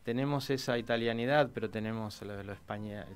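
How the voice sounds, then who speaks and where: A man, a historian guest in a radio interview, telling history in an animated way with many restarts. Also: fairly low pitch, a little fast, clean tone.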